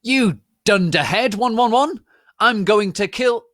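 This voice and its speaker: A man's voice: high-pitched, expressive, slow pace, fairly bright tone, pitched above the performer's own voice, full character voice. A man voicing an angry, hysterical villain professor in a hammy, theatrical stage-actor manner for a dramatic fan fiction reading. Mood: outraged.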